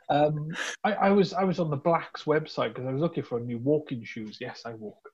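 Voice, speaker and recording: A man hosts a podcast in loose, jokey chat, laughing at his own quips. His voice is husky and sits a touch higher than average. The recording sounds dull and lo-fi. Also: moderate pace, darkish tone. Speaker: podcast host. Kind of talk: casual chat.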